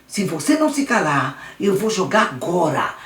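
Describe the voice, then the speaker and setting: A woman's voice: lowish voice, sing-song, normal speed, a bit bright. A woman doing a spiteful bully boy. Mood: threatening. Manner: sneering, threatening. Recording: roomy, distant mic.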